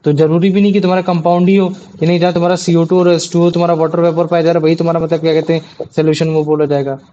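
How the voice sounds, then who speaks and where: A man's voice: on the high side, little pitch movement, very fast, dark tone. A man teaching a science class, explaining step by step and often checking with his students. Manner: explains with many tag questions. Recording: dull lo-fi audio.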